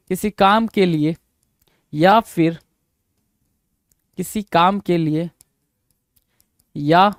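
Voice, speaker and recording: An Indian man teaches English idioms for exam prep, stretching each phrase out slowly and pausing to quiz his viewers. His voice sits high and rings smooth and clear. The sound is dry and close, with no room echo. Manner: repeats phrases slowly, then quizzes the viewer. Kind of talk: exam-prep vocabulary lesson.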